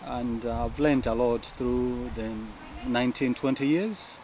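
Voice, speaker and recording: A man's voice: mid-range voice, fairly even intonation, unhurried, noisy background. A man from Malawi, a guest in a casual interview, who talks with many fillers and restarts.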